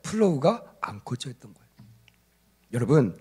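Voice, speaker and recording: A man's voice: medium pitch, sing-song, moderate pace, warm tone, breathy edge. A male pastor preaching a sermon to a young adult congregation, telling a story and acting out its characters with emphasis. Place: church service.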